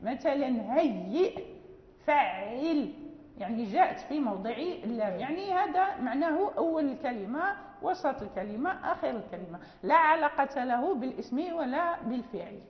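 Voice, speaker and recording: A woman teaching a recitation class, speaking in a high voice with a patient, repetitive way of explaining. Her voice rings out in a roomy hall with a long reverb. The recording is dull and lo-fi. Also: big pitch swings, moderate pace. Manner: explains patiently, repeats words, many fillers. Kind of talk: classroom lecture. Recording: echoey hall, dull lo-fi sound.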